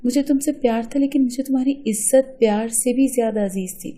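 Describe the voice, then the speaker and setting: A woman's voice: fairly high pitch, warm tone, lightly acted. A woman voicing a desperate, lovesick young man who pleads earnestly in an audio story. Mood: pained.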